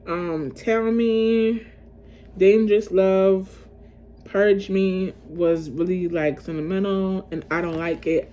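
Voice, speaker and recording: A woman's voice: fairly low pitch, a little mellow. A woman vlogging casually to camera, ranking music in a chatty, emotional way and calling her viewers y'all.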